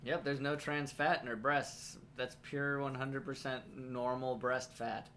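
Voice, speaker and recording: A man's voice: medium pitch, flat delivery, a little slow, pushed and bright, slight background noise. A man co-hosting a comedy podcast, bantering in a goofy, playful way. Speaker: podcast co-host. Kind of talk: casual comedic chat.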